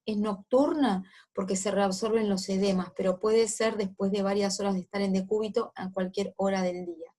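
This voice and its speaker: A woman teaching a medical lecture, explaining step by step with frequent fillers and quick check-ins to her students. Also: medium pitch, a little mellow.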